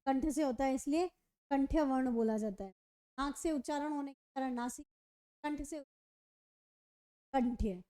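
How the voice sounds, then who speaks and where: A woman's voice: sits high, normal speed, mellow, dry recording, clean studio sound. A woman teaching an online grammar lesson. She asks questions and answers them herself, and often says "okay" between points.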